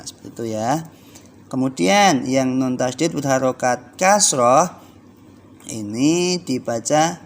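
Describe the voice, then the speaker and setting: Javanese indonesian guy teaching little kids, super slow and patient, little hiss behind. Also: medium pitch. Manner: slow, patient explaining with drawn-out recitation; calls and counts children into reading together. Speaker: primary school teacher. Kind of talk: recorded online lesson for children.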